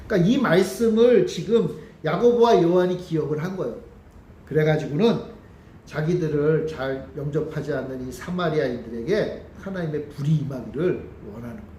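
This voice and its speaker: A man's voice: fairly high pitch, moderate pace, dark tone, slight background noise. A man preaching a Sunday sermon as pastor, talking to the congregation and putting questions to them. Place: church sanctuary. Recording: echoey church hall with faint ambience.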